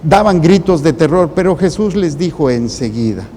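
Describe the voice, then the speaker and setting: Male priest, Mexican accent, mellow tone, deliberate phrasing, long reverb and faint noise. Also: on the high side, lively intonation. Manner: deliberate, in short broken phrases with pauses. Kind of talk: preaching a sermon.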